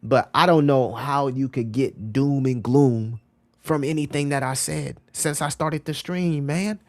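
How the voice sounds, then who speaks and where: A male streamer chats casually to his viewers at a mid-range pitch. His talk is loose and slangy, full of repeats and "bro". He reacts to chat messages as they come in. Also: a little slow, darkish tone. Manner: loose, slangy and repetitive, often calling out "bro"; talks back to chat messages as he reads them. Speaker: crypto livestream host.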